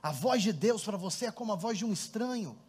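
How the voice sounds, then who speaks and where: A man preaching a sermon as pastor, telling stories with animated energy and calling on the congregation to answer. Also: high-pitched, brisk, slightly rough. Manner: storytelling, animated, laughs often, calls congregation to respond. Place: church hall before a congregation. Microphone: handheld microphone.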